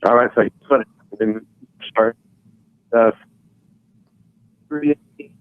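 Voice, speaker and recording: A man's voice: medium pitch, fairly even intonation, slow pace, no echo. A male caller heard through a tinny, narrow phone line that keeps breaking up and cutting out. He talks in a plain-spoken, rambling way, in a dry and close sound. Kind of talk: casual call-in chat. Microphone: telephone.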